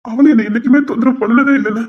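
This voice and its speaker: A young man pleads and apologizes in a high, husky voice, as a man acts him out. The delivery is emotional and earnest throughout. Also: steady tone, rapid-fire, muffled recording.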